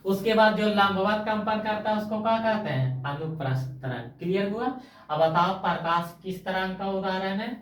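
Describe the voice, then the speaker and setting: A woman's voice: mid-range voice, moderate pace. A woman teacher with a Magahi-tinged Bihari Hindi accent, teaching a coaching-class science lesson in a colloquial, homely way, quizzing the class with call-and-response questions. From Bihar, India. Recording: echoey room, voice far from mic.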